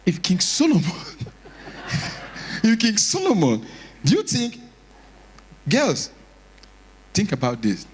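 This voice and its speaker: A Nigerian stand-up comedian tells stories to a live audience on a comedy stage, animated and acting out bits with dramatic pauses and repeats. His voice sits high. The recording is low quality, with a little hiss or hum.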